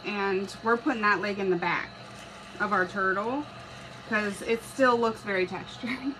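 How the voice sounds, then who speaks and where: Bright and forceful in a mid-range voice, this Texan woman runs a craft channel live stream, painting as she reads the chat. She's chatty, laughs a lot, and welcomes viewers by name over a hissy background.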